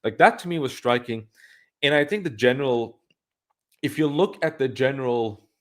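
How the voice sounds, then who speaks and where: A man's voice: medium pitch, lively intonation, moderate pace, a bit bright. A man hosting a livestream, giving blunt, opinionated commentary and thinking aloud with frequent restarts. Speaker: livestream host.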